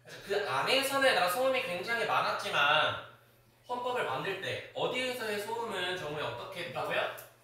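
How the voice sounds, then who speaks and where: Male teacher, animated and bright, quizzing students by name. Recorded from far off in a booming classroom. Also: brisk, heavy reverb. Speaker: high school English teacher. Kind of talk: classroom lecture.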